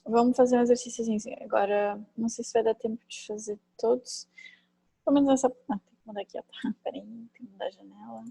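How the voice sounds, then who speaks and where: A woman teaching a French class online, chatty and thinking aloud, with many fillers and quick tag questions, on a computer mic. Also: fairly high pitch, fairly even intonation, creaky, dark tone, breathy edge, dry recording, poor audio. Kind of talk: online class, explaining grammar.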